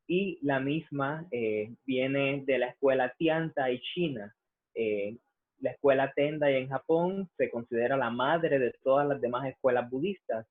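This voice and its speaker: A man from Puerto Rico with a Puerto Rican accent, a Buddhist reverend calmly explaining his tradition with many "eh" fillers. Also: mid-range voice. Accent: Puerto Rican Spanish. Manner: measured, frequent "eh" fillers. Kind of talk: explanatory interview answers. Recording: tinny phone-like line.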